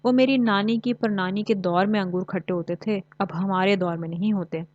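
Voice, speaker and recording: A woman's voice: mid-range voice, steady tone, normal speed, darkish tone, no echo, highs cut off, close to an everyday voice. A woman voicing a cunning, greedy female fox in a children's storybook, sly and wheedling.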